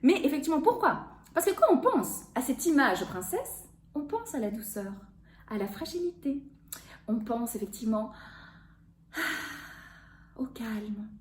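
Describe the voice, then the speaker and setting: A woman in her forties, a voice therapist explaining a topic to viewers in an expressive, animated way. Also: fairly high pitch, measured pace, long pauses, slight background noise. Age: 40s. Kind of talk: educational video talk. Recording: echoey room.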